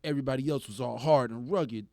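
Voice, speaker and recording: A man co-hosting a podcast in casual chat, animated and laughing often as he acts out quoted voices. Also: medium pitch, quick pace, creaky, dry recording, studio quality. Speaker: podcast co-host.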